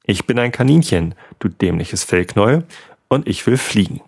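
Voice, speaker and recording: A man voicing a cheeky young male rabbit in a bedtime story, with a gravelly voice. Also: lowish voice, moderate pace, a little mellow, slight background noise. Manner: cheeky, insulting.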